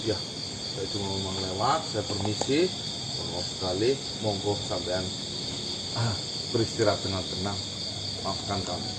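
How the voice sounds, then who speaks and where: A man's voice: deep voice, normal speed, long pauses. A man hosting an encounter, talking politely and apologetically but insisting on his point. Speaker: host of supernatural encounters. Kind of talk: casual spoken dialogue. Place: outdoors at night. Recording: outdoor night recording with insect noise. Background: crickets and insects.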